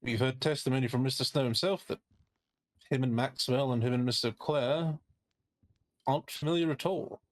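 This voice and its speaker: A man's voice: medium pitch, moderate pace, long pauses, no echo, close to an everyday voice. A man playing a skeptical, indignant defense lawyer in a role-play game, giving a courtroom closing argument with pointed, sardonic rhetorical questions. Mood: sardonic, incredulous.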